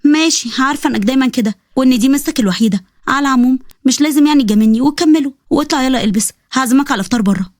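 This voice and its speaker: A feisty young woman with an Egyptian accent, voiced by a woman in a storybook. She snaps out bossy retorts in a rather high voice at great speed. The sound is dry. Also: rapid-fire, darkish tone, no echo, close to an everyday voice. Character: sharp-tongued young woman, feisty college student.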